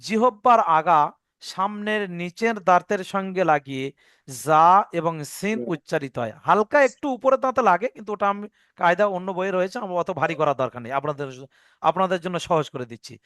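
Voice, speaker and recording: Man, teacher, high voice, dry close sound, patient, repeats and sounds out letters. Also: lively intonation, a little fast, fairly bright tone, clean tone, dry recording. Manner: patient, repeats points, checks understanding; demonstrates sounds aloud. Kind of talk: Arabic letter pronunciation lesson.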